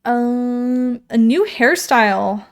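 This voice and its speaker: A woman streaming while she reads game patch notes chats in a loose, rambling way, correcting herself and thinking out loud. She talks slowly, her voice animated and on the high side.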